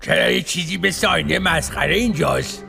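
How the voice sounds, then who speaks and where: Very gravelly, grumpy cartoon snake. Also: male voice, fairly high pitch. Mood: grumbling. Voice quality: gravelly, creaky. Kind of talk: animated film dub acting. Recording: music behind the voice.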